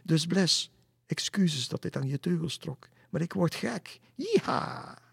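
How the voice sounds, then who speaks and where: A man voicing a crazed, lovesick noblewoman ghost who sings and shouts from horseback in a storybook reading. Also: sing-song, measured pace, gravelly, husky, dry recording, clean studio sound, big-room sound, heavily acted. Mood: sing-song. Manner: shrill, sing-song.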